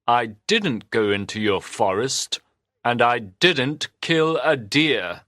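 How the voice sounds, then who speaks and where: A man's voice: mid-range voice, lively intonation, slow, bright, forceful tone, dry recording, clean studio sound. A man voicing a brave, kind village father in a storybook reading, speaking in a defiant, earnest way.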